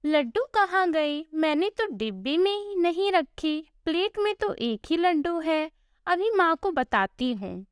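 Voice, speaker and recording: A meek young daughter-in-law with a high, lively voice, polite and a little anxious, as a female storyteller voices her. The delivery is slow and the recording dry. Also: no echo, full character voice.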